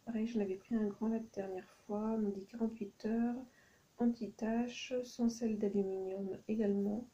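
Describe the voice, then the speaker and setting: A woman's voice: medium pitch, fairly even intonation, moderate pace, mellow, lo-fi sound. A woman chatting through a shopping haul for her channel, hesitant and thinking aloud with many ums. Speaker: YouTuber doing a shopping haul. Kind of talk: casual haul vlog. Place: at home at night.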